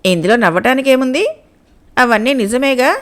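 A simple, pushy fisherman from a storybook, voiced by a woman reading the tale. He keeps pressing his questions and wants answers now, in a high, bright voice. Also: normal speed, close to an everyday voice. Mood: insistent. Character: simple, demanding male fisherman, grown man.

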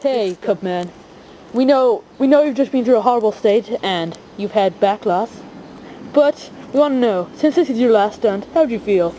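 A woman doing excitable mock-announcer commentary on a home video, breaking into frequent shrieks. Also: a little high, moderate pace, slight background noise, rough recording. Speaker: stunt commentator.

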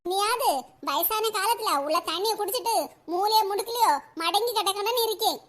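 A meddling village auntie from a comedy cartoon, her pitch sitting at a squeaky extreme. She speaks in a Kanyakumari Tamil accent and stirs trouble with mock sympathy. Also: normal speed, fairly bright tone. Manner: nosy, scheming, mock-sympathetic.

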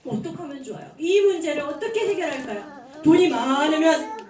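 A young woman preaching a children's sermon in a church, telling the story with animated acted voices. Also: sits high, brisk, crowd noise. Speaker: children's pastor. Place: church hall. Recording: echoey hall, mic far off.

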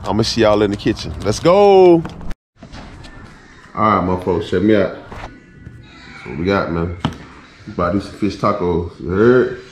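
A man's voice: fairly low pitch, animated, measured pace, pauses often, faint music behind. A man hosting a casual cooking and fishing vlog, hyped and slangy, calling out to his viewers. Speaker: vlog host. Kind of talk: casual outdoor vlog chat. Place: outdoors.

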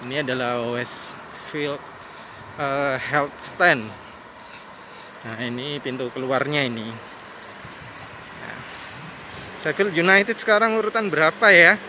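A man's voice: medium pitch, slow, long pauses. A man in his thirties chatting casually as he walks and films outside a stadium on a handheld phone, musing aloud with many fillers. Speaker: vlogger. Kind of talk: casual walking vlog. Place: outdoors by a stadium. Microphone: phone held at arm's length. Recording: noisy outdoor phone recording. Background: street ambience and passing cars.

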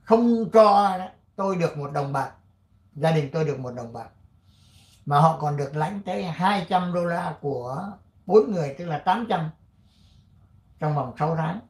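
An older man from Vietnam hosting his channel, chatting casually and reading an article aloud, rambling with many fillers and frequent throat clearing. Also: fairly high pitch, animated, unhurried, long pauses, reverberant. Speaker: channel host.

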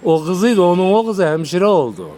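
A man's voice: high-pitched, very animated, moderate pace, warm tone. A man in casual chat, putting short questions and answers. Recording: noisy recording with ambient sound.

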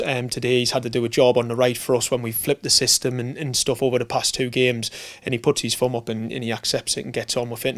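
A man in his thirties, a football club manager giving a post-match interview in a press room, talking steadily with many fillers and restarts. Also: mid-range voice. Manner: steady, measured talk with frequent fillers and restarts. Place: indoor press room in front of a sponsor board.

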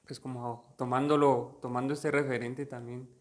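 A man from Colombia talking about art in a measured, explanatory way during a casual studio conversation. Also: mid-range voice, little pitch movement.

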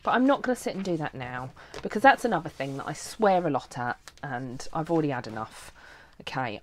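A woman's voice: lowish voice, slight background noise. A woman, a planner vlogger, chatting casually and swearing freely as she talks through setting up her planner at her crafting desk.

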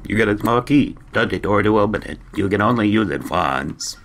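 A man's voice: on the low side, fairly quick. A man putting on a robot voice to read out game text during a playful let's play. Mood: robotic. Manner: stiff robotic monotone delivery. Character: deep booming robot reading out game text.

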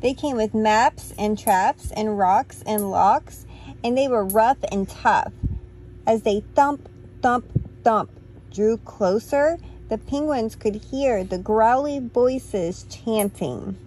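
Slow expressive woman reading a bedtime story. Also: a little high, slight background noise. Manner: slow, expressive, playful counting.

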